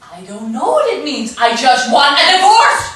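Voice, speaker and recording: A woman's voice: sits high, sing-song, moderate pace, heavy reverb, far from the mic. A woman playing a dramatic, impulsive young wife. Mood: cool. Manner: dramatic, swinging between shouting and tearful. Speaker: wife in a quarrel.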